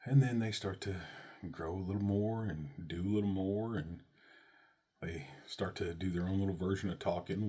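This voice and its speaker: A father tells a personal story in a very low, husky voice. He is an animated storyteller, and his voice leaps high whenever he exclaims.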